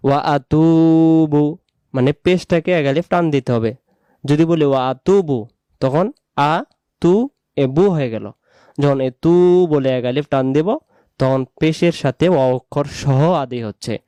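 Bengali guy teaching how to say a prayer, stretches words out slow, mellow smooth voice, dry sound. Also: medium pitch, no room sound. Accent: Bangladeshi Bengali. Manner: slow, drawn-out recitation of words. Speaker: religious teacher. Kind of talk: pronunciation lesson.

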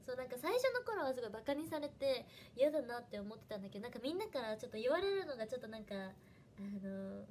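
A woman's voice: on the high side, very fast, slight background noise. Chatty young woman with a Hiroshima lilt. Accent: Hiroshima dialect. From Fukuoka, Japan. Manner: chatty and animated, thanking viewers by name. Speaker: idol trainee livestreamer. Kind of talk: casual livestream chat.

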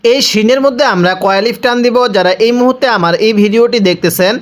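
A very high-pitched man talking at a quick pace teaches Quran reading with a Bangladeshi Bengali accent. It's a slow spelled-out recitation lesson: he patiently spells letters and vowels, then draws out each word for the listener to echo.

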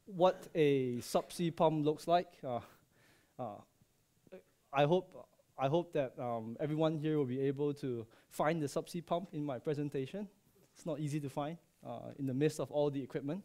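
A Malaysian subsea processing engineer in his thirties gives a friendly conference presentation in a large lecture hall, joking lightly and saying um and uh a lot. He wears a headset microphone. His voice is a little high and mellow, at normal speed.

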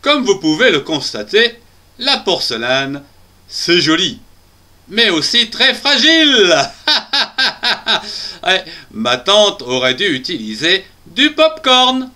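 A jolly, clumsy cartoon bear, voiced by a man, giggling as he chats to the children. His voice sits fairly high and swoops up and down with a lively, sing-song lilt. The tone is bright and ringing, and he takes his time over each line. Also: takes it slowly, exaggerated voice. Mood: playful. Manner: chats straight to the young audience. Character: jolly clumsy male bear, chatty birthday boy. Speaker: children's story character. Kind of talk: children's storytelling.

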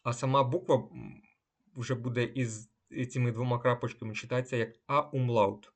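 A man teaching pronunciation rules, talking slowly and deliberately, with a pause after each word and example. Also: mid-range voice, steady tone. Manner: slow and deliberate, pausing between words and examples. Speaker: language teacher. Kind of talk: instructional explanation of German pronunciation rules.

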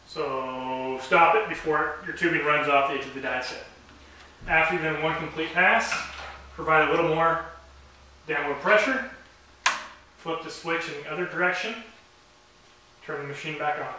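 Demonstrating a product to camera from his garage workshop, a young company owner speaks with dry, wry humor at normal speed, pausing often. His voice is a little high, and the across-the-room camera mic leaves it distant, very echoey, and with background noise.

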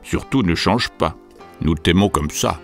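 A man voicing a calm, fatherly male hippo in a children's storybook. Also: sits low, a little slow, soft background music, voice pushed down. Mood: gentle.

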